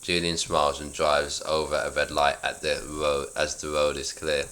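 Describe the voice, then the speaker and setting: A man reads his old sitcom script in a loose, offhand way. His voice sits extremely low yet sounds bright and forceful. He keeps breaking off to mock his own writing. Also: monotone, normal speed. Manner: offhand, self-mocking commentary. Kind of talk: casual script read-through with asides.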